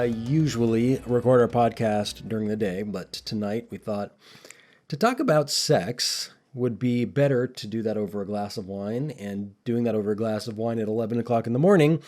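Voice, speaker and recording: A man's voice: medium pitch, moderate pace, a little mellow, faint music behind. A man co-hosting a podcast, talking casually and thoughtfully, rambling with frequent restarts. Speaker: podcast co-host.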